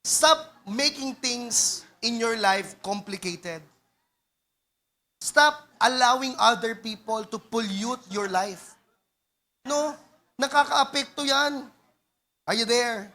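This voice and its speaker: A man's voice: very high-pitched, slow pace, pauses often, sharp tone. A man with a Filipino accent preaching a sermon in a call-and-response manner, mixing Tagalog and English. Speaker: pastor.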